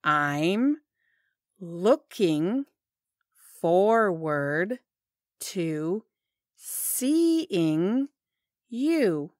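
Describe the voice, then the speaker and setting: A woman's voice: lowish voice, big pitch swings, drawn-out words, long pauses, no echo, clean studio sound. A woman teaching English phrases, saying each one whole, then word by word. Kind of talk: slow repeated phrase drilling.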